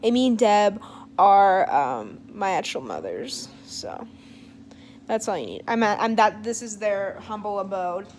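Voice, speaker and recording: A woman's voice: mid-range voice, animated, unhurried, darkish tone, slight background noise. A young woman talking casually to her phone camera in a vlog, rambling and self-deprecating with lots of fillers. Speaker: vlogger.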